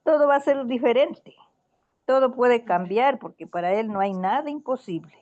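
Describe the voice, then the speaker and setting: A woman's voice: fairly high pitch, moderate pace, darkish tone, muffled recording. A woman in a casual Bible study conversation, telling a story in an earnest, rambling way with many restarts.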